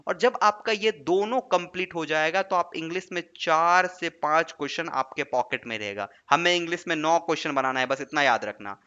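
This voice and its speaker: A man's voice: a little high, sharp tone, lo-fi sound. A man teaching an online exam-prep lesson, often checking in with questions to his students. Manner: coaxing, asks checking questions like "right?". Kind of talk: online lesson with screen writing.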